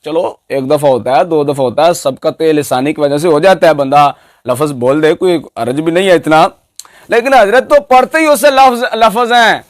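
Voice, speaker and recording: A man's voice: fairly high pitch, normal speed, no room sound. A man giving an emphatic, mocking religious speech that picks apart another scholar's pronunciation. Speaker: Islamic preacher.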